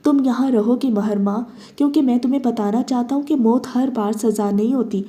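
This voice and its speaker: A woman's voice: a little high, mellow, close to an everyday voice. Woman voicing a cold vengeful man. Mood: cold menace. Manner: cold, measured, cruel.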